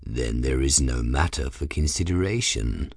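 A man voicing a smug, solemn male talking cat in an audiobook, speaking slowly and formally like a lecturer, with a deep gravelly growl. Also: expressive, no echo, studio quality, heavily acted. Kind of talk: audiobook character voice.

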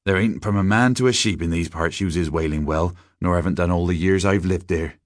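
A man's voice: low voice, fairly quick, no echo, clean studio sound, lightly acted. A man voicing an old country shepherd with a rural English accent, grave and plain-spoken, giving folksy, emphatic warnings in a storybook reading. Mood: amused, dismissive.

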